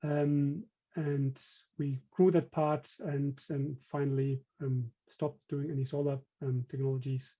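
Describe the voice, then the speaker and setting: Giving a technical webinar, a German-accented company director talks in a warm, medium-pitched voice at an unhurried, level pace. His delivery is halting, with plenty of fillers and false starts, captured on lo-fi audio.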